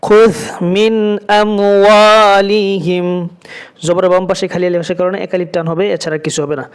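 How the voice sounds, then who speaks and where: A man teaching Quran reading, spelling out letters and vowels syllable by syllable and chanting the words slowly. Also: high-pitched, darkish tone. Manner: slow syllable-by-syllable drilling, drawn-out chanted recitation.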